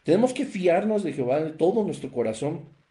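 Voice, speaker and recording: A man's voice: on the high side, animated, a little fast, dark tone, echoey room. A man preaching a Bible teaching, emphatic and repeating phrases for stress. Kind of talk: sermon-style Bible teaching.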